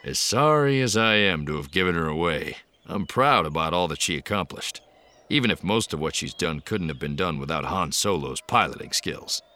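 A man's voice: low voice, lively intonation, moderate pace, pushed and bright. A man voicing a jovial old hermit who talks in a folksy, chuckling, rambling way.

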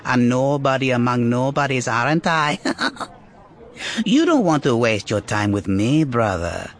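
A sly little rodent-like alien prisoner, as a male narrator puts him on, wheedling and giggly, tagging questions onto everything. The voice rises and falls in lively swoops, drawn out slowly with an odd, unusual timbre. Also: mid-range voice. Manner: wheedling, ends lines with tag questions, giggly. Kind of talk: audiobook character voice.

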